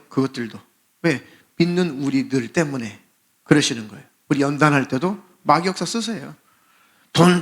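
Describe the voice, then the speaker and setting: A pastor delivers an impassioned sermon in a church, his voice bright and a little high for a man. He swings from quiet, intimate asides into loud pleading as he acts out desperate prayers. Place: church sanctuary.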